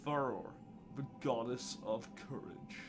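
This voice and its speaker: A man voicing an ancient, wise male tree spirit, reading game dialogue aloud in slow, archaic, solemn tones. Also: mid-range voice, animated, music in the background, voice pushed down.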